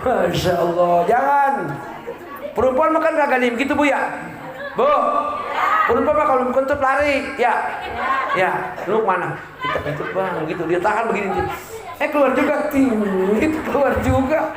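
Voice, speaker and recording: Joking preacher in echoey hall. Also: male voice, extremely high pitch, expressive, moderate pace, long pauses. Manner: joking, acts out quoted voices. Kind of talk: humorous sermon. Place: community religious gathering. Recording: echoey room with crowd laughter.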